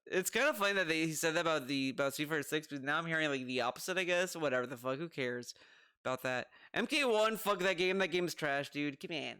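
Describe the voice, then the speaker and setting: A man's voice: fairly high pitch, fast talker, sharp tone, clean tone. A man giving casual reaction commentary, ranting with exasperation, swearing and mockingly quoting the person he criticises. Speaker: commentator reacting to another streamer.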